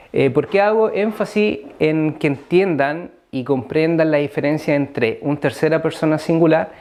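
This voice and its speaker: A man with a Chilean Spanish accent teaching an English grammar lesson, explaining slowly with frequent fillers. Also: on the high side, darkish tone.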